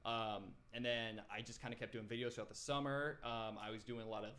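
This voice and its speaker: A twenty-something man, a guest videographer, recounts his story on a casual podcast in a fairly bright, medium-pitched voice. He talks a little fast with fairly even intonation, rambling with many fillers and restarts. The setting is a small podcast room with a boom-arm desk mic.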